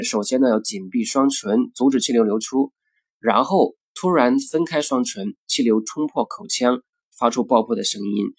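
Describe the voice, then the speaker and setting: A young man teaching English consonant sounds in a bilingual pronunciation lesson, carefully repeating each example word twice. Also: medium pitch. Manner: slow, careful drilling of example words twice.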